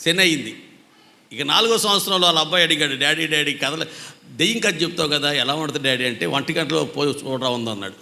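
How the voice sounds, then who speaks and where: A man's voice: a little high, fast talker, vocal fry, bright, forceful tone. A man preaching a sermon as pastor, telling stories, acting out quarrels and now and then breaking into sung lines. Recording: echoey hall reverb.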